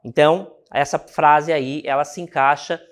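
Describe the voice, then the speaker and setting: A man's voice: a little high, fairly even intonation, a little slow. A man from Brazil teaching an English lesson, explaining step by step and checking in with the class.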